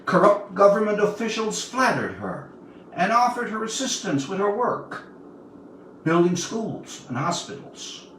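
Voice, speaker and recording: Talking a little slowly, this Newfoundland writer in his seventies reads his work and tells stories on an informal livestream. His voice sits high and a bit bright, with big pitch swings, and the recording has a distant mic, roomy echo, and audible noise.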